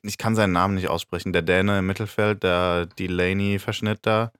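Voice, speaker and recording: A man with a fairly low voice chats about football as a podcast co-host, opinionated and rambling, with a laugh never far off. The sound is dry and close, with little room around it. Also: steady tone, fairly quick, a bit bright, clean tone, dry recording. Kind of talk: casual football chat.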